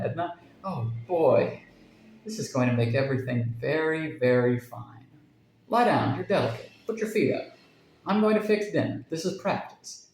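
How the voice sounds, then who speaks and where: A man voicing an excited young husband in a story reading, in a roomy recording. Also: a little high, slight background noise. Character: excited young husband, cheerful then shaken.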